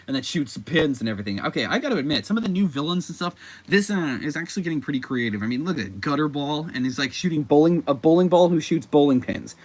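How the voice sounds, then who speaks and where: A man giving casual commentary as a comic book reviewer, rambling with frequent fillers and self-corrections. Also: fairly high pitch.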